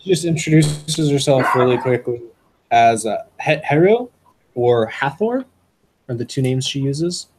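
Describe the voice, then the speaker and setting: A man's voice: medium pitch, lively intonation, a little slow, darkish tone. A man narrating casually as game master of a tabletop game.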